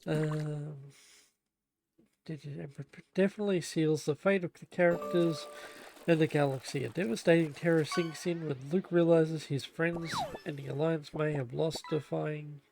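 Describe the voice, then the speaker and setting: A man's voice: on the high side, fairly even intonation, normal speed, creaky, darkish tone, slight background noise. A young man chatting casually while building on a live stream, stumbling as he reads the manual aloud. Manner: chatty, self-deprecating, stumbles over reading. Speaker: livestreamer building a Lego set.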